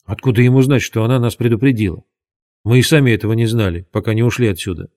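A man's voice: medium pitch, natural voice. Man playing a jumpy, protesting boy. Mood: doubtful. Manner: excitable, quick, protesting. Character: anxious cautious boy, Douglas's friend.

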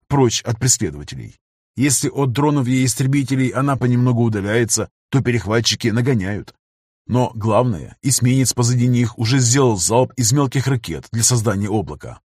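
A man narrating a sci-fi audiobook in a brisk storytelling manner. His voice is husky and middling in pitch. The sound is dry and close. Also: darkish tone, no echo.

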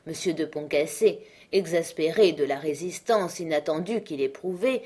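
A woman narrating a classic novel aloud in a measured, expressive reading. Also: on the low side.

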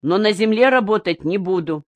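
A woman's voice: medium pitch, animated, moderate pace, no room sound, voice pushed up, natural voice. A woman reading an audiobook voices a stubborn male hunter who insists defiantly on his way of life.

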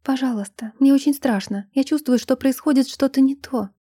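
A woman's voice: sits high, a little fast, warm tone, slightly rough, dry recording, studio quality, voice pushed up. A woman reading an audiobook, voicing a frightened sixteen-year-old bride in an anxious, pleading and slightly breathless voice.

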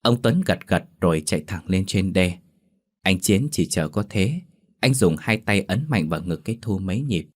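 Deep low-voiced guy reading a ghost story, steady and even. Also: normal speed. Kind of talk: scripted ghost story narration.

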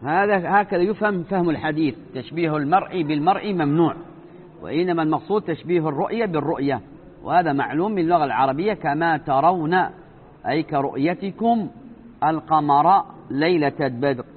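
A man teaching a religious lesson, explaining slowly, repeating and stretching key words and asking rhetorical questions. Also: fairly high pitch, slightly rough. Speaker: sheikh teaching Islamic creed. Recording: tinny phone-like lecture recording.

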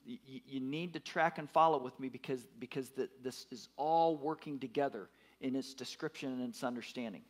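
A man's voice: mid-range voice, fairly quick, few pauses. A man in his fifties preaching a sermon, emphatic, repeating his words and putting questions to the congregation. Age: 50s. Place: church.

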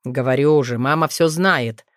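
A woman voicing a calm, gentle dragon father who talks to his young sons in a low, steady, reassuring way, read as an audiobook. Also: measured pace, no echo, studio quality. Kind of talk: audiobook reading.

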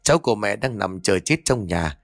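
Guy reading as a mad grandma who scolds and threatens, low voice, ghost story audiobook. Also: expressive, fairly quick, dry recording, studio quality. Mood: angry. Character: angry, bossy grandmother.

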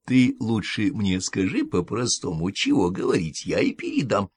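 A man voicing a falsely sweet old woman nurse who soothes in slow, drawn-out tones. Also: on the low side, huge pitch swings, husky, no room sound, studio quality, pitched below the performer's own voice, exaggerated voice. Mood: coaxing. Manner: soothing, drawn-out, affectionate pet names.

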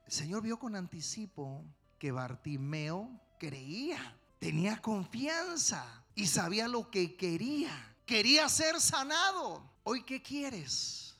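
A male pastor preaching a sermon with passion, swinging between quiet stretches and sudden loud outbursts. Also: sits high, sing-song, slow pace, faint music behind.

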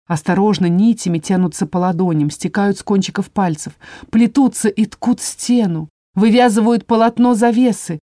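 A woman voicing a calm male dragon inquisitor who speaks softly and soothingly. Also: medium pitch, moderate pace, few pauses, no room sound, studio quality, lightly acted. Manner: soft, soothing, hushed.

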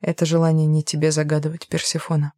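A woman reading a novel voices a remorseful husband, speaking quietly and gently in a low voice. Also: completely flat delivery, quick pace, no echo, clean studio sound, natural voice. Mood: tender. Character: grown man, a remorseful, tender husband.

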